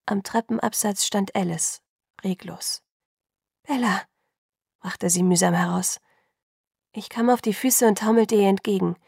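A woman reading a first-person novel aloud as an audiobook narrator, in a measured storytelling manner. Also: medium pitch, creaky, warm tone, husky, no room sound, clean studio sound.

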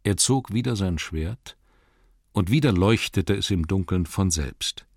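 A man narrating a storybook in a measured, dramatic reading, slowing down for emphasis. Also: low-pitched, animated, no echo, studio quality. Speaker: audiobook narrator.

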